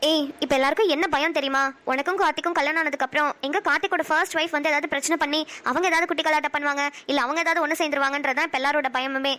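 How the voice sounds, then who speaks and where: A woman's voice: high voice, fairly even intonation, rapid-fire, hardly any pauses, bright, forceful tone. A woman voicing a young woman in a cartoon who scolds and reassures her friend. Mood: scolding. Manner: scolding, then soothing.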